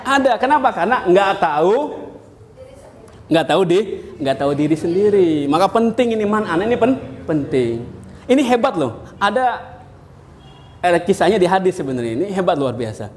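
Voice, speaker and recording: A man from Indonesia, a university lecturer, giving a classroom lecture in an animated storytelling manner, asking his students questions. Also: high voice, normal speed. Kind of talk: classroom lecture with jokes and anecdotes.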